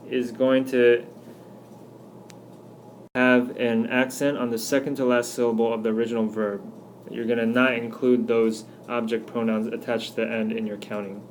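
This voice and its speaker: A man teaching a recorded grammar lesson, walking through slide examples patiently and slowing down to spell out each one. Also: mid-range voice, a little hiss or hum. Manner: patient, explanatory, slows down on examples. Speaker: Spanish teacher.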